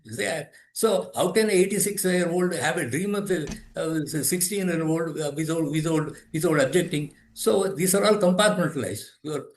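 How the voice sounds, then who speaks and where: An elderly man in his eighties talks through philosophical ideas as an interview guest, pausing to restart and repeat himself as he thinks. His voice sits fairly high for a man. The recording has a noticeable roomy echo. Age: 80s. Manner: thoughtful, repeats and restarts phrases. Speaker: guest, yoga teacher and author. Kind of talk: explaining philosophy in conversation.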